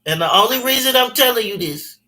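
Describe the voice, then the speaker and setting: A man's voice: very high voice, animated, fairly quick, bright, forceful tone, rough recording. A man in his forties telling stories over the phone in a rambling, emphatic way, with slangy, profane talk and many restarts. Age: 40s. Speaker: caller on a phone conversation. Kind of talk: casual chat, storytelling.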